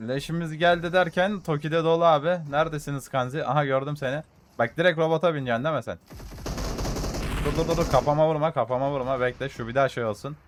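A young man giving gameplay commentary for a mobile shooter, excitedly taunting enemies and muttering to his audience, with gunfire behind him. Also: a little high, fast, noisy background. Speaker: gaming YouTuber.

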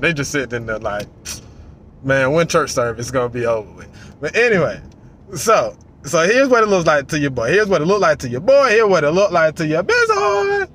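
Man, 40s, casual car vlog commentary, animated, fairly high voice, very lively pitch, phone mic in a car. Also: a little hiss or hum. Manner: animated, acts out voices, swears freely. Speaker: vlogger. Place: inside a parked car. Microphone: phone on the dashboard.

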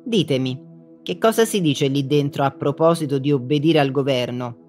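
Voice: mid-range voice, moderate pace, darkish tone, soft background music, lightly acted. A reader voicing a harsh, domineering male officer who interrogates prisoners, in an audiobook. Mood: mocking.

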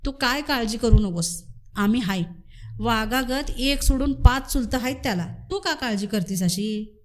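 A woman's voice: fairly high pitch, unhurried, lightly acted. A woman voicing a worried older village mother-in-law who speaks in rural dialect. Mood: soothing. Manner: anxious, scolding rural dialect.

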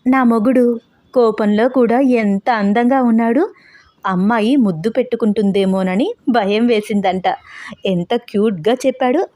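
A woman's voice: fairly high pitch, normal speed, mellow, no echo, close to an everyday voice. A woman voicing a playful young woman who teases her fiancé with coy remarks. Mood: teasing. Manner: teasing, coy.

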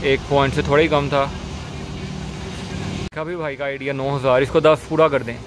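A man's voice: mid-range voice, little pitch movement, moderate pace, background noise. A young man with a Pakistani Urdu accent, vlogging casually to his viewers while driving and stopping along the road. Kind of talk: casual travel vlog narration. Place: in a car and outdoors at roadside stops. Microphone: phone or camera held at arm's length.

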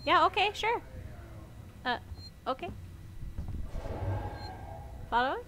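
A woman's voice: extremely high pitch, expressive, takes it slowly, bright, forceful tone, a little hiss or hum. A woman livestreaming a video game with playful, silly commentary full of babble and exclamations. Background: game music and sound effects.

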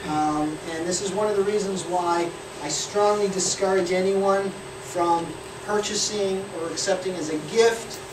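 Here the same kind of speaker, a beekeeping instructor in his forties, talks a little slowly with few pauses, his voice high and fairly even. It's hands-on, practical explanation, recorded from a distant camera that adds echo and noise.

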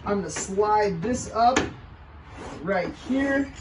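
This thirty-something kayak fishing channel host speaks slowly and animatedly in a high-sitting voice as he demonstrates a task on the porch. It's a casual step-by-step tutorial done with his hands, recorded by a camera mic a few feet off amid background noise.

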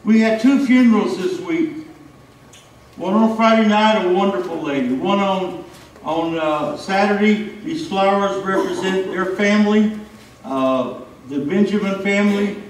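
A man's voice: high voice, unhurried. Man, pastor, earnest sermon, repeats phrases, far from mic, faint room hum. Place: church sanctuary. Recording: echoey church from afar.

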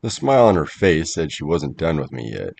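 A man narrating a first-person horror story in a measured, dramatic way. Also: very deep voice, big pitch swings, vocal fry, a little mellow, slightly rough.

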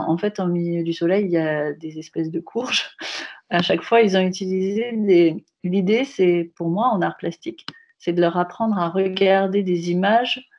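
A woman's voice: lowish voice, darkish tone, highs cut off. A woman art teacher presenting a class project over a video call, speaking hesitantly with many filler sounds and restarts. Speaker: visual arts teacher.

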